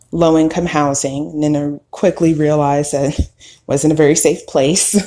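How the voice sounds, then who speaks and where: A woman in her thirties, a podcast host, telling her own story in a slow, candid and reflective way. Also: low-pitched, creaky. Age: 30s. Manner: slow, reflective, candid with occasional soft laughs. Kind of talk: personal storytelling monologue.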